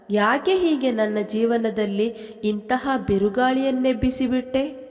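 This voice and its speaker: A woman's voice: a little high, a little mellow, big-room sound. A woman reading as a tearful, betrayed young wife. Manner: tearful, accusing.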